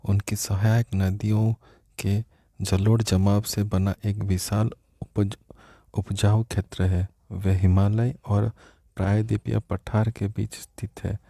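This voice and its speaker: A man teaches geography, reading facts slowly and then explaining them. His voice sits low with a gravelly rasp and a very dark, mellow tone. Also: dry recording, clean studio sound. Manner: reads each fact slowly, then explains it.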